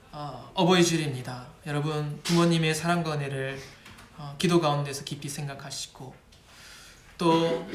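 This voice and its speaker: A man serving as pastor, preaching and leading a spoken prayer, earnestly calling on God again and again between phrases. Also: a little high. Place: church worship space. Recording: echoey room with faint noise.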